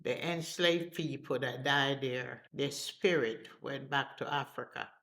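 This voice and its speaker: A man's voice: medium pitch, measured pace, a bit bright. A man with a Caribbean accent, sharing personal memories like a storyteller in dialect phrasing. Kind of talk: personal reminiscence.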